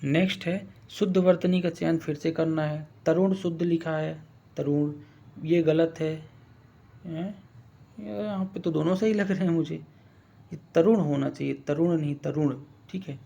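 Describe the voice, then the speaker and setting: A man teaching an exam-prep lesson in a casual spoken style, quizzing his viewers and slowly stretching out words to spell them. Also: on the high side, fairly even intonation, creaky, dark tone.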